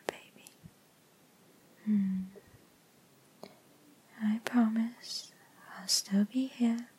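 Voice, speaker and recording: A woman speaks in an airy, breathy whisper with almost no voice behind it, and she lingers on every word at a very slow pace. It is gentle, lulling ASMR comfort roleplay, whispered close to the microphone. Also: mid-range voice, low-quality recording. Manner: soft unvoiced whisper, soothing and lulling. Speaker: ASMR creator.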